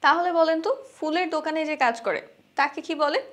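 A young woman leads a vocabulary lesson in a fairly high voice. She says each English word two or three times, slowing down to stress how it should sound. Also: fairly bright tone. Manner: repeats each word slowly and clearly, stressing pronunciation. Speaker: English teacher.

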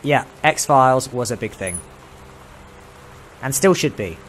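A man's voice: medium pitch, animated, slow pace, a bit bright. A man in casual, jokey, exclamatory let's-play commentary while exploring a game. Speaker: game streamer.

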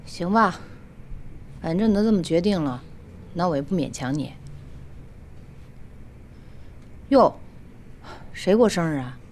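An actress playing a blunt middle-aged lawyer in a TV drama who speaks her mind. Her voice is mid-pitched and lively, with faint background noise. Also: normal speed, natural voice. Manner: forthright, indignant, bossy. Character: bossy middle-aged woman lawyer, protective. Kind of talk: television drama acting.

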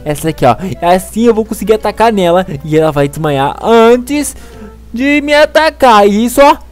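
Guy yelling through a game, super high voice, music playing under him. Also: normal speed. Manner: jumpy and excitable, talks to game characters. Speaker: gaming YouTuber. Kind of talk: excited gameplay commentary.

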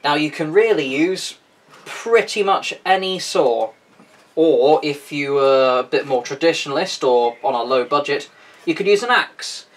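Man with a slightly raised voice giving a relaxed workshop how-to, chatty and self-deprecating. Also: on the high side, a little slow. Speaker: woodworking video host. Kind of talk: casual how-to demonstration.

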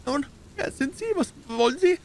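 A man's voice: very high voice, animated, normal speed, creaky, a bit bright, a little hiss or hum, pitched above the performer's own voice, heavily acted. A whimpering, frightened little man. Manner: whimpering, trembling, stammering. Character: nervous, frightened small young man.

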